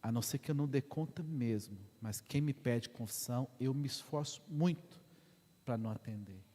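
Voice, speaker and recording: A parish priest, preaching as an animated storyteller who swings between hushed and loud. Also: male voice, mid-range voice, moderate pace. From Brazil. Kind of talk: sermon storytelling. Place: church. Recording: echoey church with long reverb.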